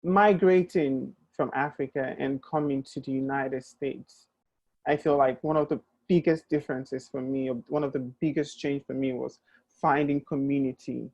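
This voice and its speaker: A woman's voice: extremely low pitch, fairly even intonation, normal speed, a little mellow, no echo, dull audio. Nigerian-born woman host, friendly and curious, dead dry sound, lots of ums. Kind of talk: conversational interview.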